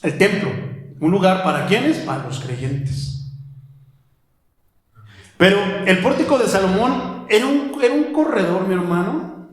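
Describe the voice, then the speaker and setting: A man preaching a sermon as pastor, animated, firing rhetorical questions and calling listeners "my brother". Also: high-pitched. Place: church hall. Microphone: handheld microphone. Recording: very echoey church hall.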